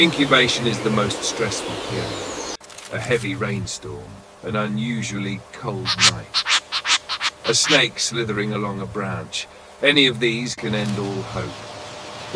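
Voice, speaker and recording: A man reading scripted nature documentary narration in a solemn, dramatic manner, with short measured phrases and weighted pauses. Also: fairly low pitch, noisy background. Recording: loud nature ambience of birds and insects.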